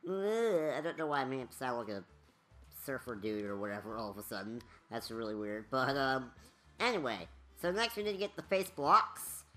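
A woman's voice: very deep voice, lively intonation, fairly quick, fairly bright tone, soft background music. A woman giving casual, rambling commentary over a game walkthrough, chatty with many fillers.

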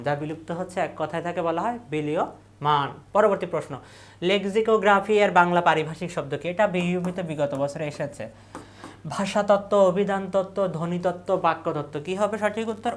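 A woman teacher with a Bangladeshi Bengali accent, leading an exam revision lesson, asking questions and repeating the answers slowly. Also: on the low side.

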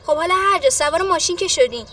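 A woman playing a sharp young sleuth who questions a man step by step. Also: very high voice, animated, recorded from a distance, full character voice. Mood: probing. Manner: probing, logical questioning.

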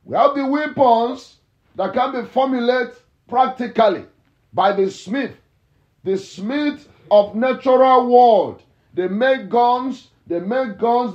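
High-voiced male pastor, slow drawn-out preaching, echoey dull recording. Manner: fervent preaching with repetition, sudden shouts. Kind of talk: sermon and morning prayer.

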